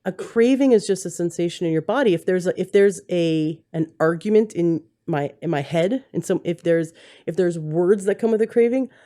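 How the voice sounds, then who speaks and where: Low, mellow-voiced woman host. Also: normal speed. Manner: earnest, rambling, self-correcting storytelling. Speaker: podcast host. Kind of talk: candid conversational interview. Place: home setting, husband holding the mic.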